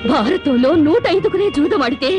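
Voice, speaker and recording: Bitter young wife, very high voice, lively, sarcastic, tearful, film melodrama. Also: female voice, brisk, music in the background. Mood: bitter reproach. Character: wronged young wife, bitter and sharp-tongued.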